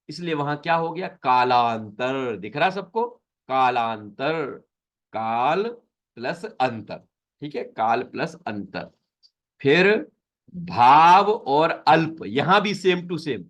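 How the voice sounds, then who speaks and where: A man's voice: on the high side, fairly bright tone. A man teaching an online class on Sanskrit sutras, patiently explaining and repeating each term. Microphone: video call.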